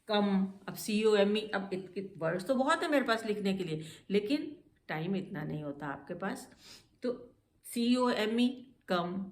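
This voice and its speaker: A woman teaching English pronunciation, spelling out letters and repeating words slowly. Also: mid-range voice, reverberant, a little hiss or hum.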